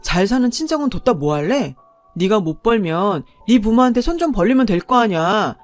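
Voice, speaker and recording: A woman's voice: medium pitch, lively intonation, fairly quick, a little mellow, faint music behind, natural voice. A woman voicing a scornful, money-obsessed young husband who berates his wife. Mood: berating. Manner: sneering, berating.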